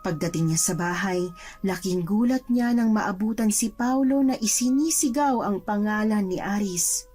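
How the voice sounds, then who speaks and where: A woman narrating a horror story in a measured, dramatic way. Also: mid-range voice, dark tone, soft background music.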